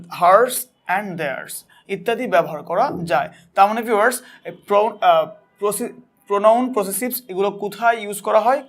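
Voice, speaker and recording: A man with a Bangladeshi accent teaching an English grammar lesson, asking questions and answering them himself, and reading example sentences slowly. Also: high voice. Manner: asks and answers his own questions.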